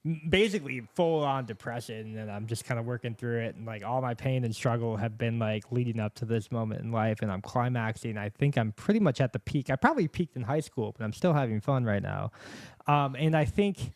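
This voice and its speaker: A man's voice: mid-range voice, animated, fairly quick, no room sound. A man with a lisp hosting a casual podcast chat, earnest and rambling, with lots of fillers. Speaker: podcast host. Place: podcast set with camera and microphones. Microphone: studio microphone.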